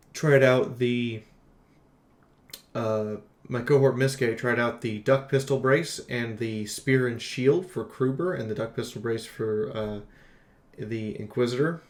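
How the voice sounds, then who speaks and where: A man streams a casual game review, reading from notes while ad-libbing jokes in an emphatic, exclamatory style. His voice is mid-range, and he takes it slowly, pausing often in an echoey room.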